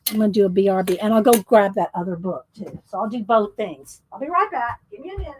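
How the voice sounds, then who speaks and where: A woman's voice: mid-range voice, expressive, quick pace, darkish tone, a little hiss or hum. A woman chatting casually with viewers during a coloring live stream, rambling and restarting her sentences. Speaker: livestream host coloring.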